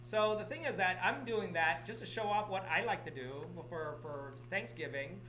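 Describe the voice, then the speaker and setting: Speaking at an office meeting, this middle-aged man from Vietnam, likely a real estate broker or office manager, makes announcements, repeats points, and keeps asking "okay?". He has a high, bright voice with a forceful tone and talks at normal speed. A little hiss or hum is audible.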